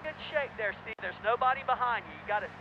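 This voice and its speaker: A man's voice: very high-pitched, fast talker. A man coaching a racer over two-way radio with urgent, encouraging, repeated short commands. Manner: repetitive, encouraging. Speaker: racing spotter and coach. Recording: muffled radio traffic, loud engine noise.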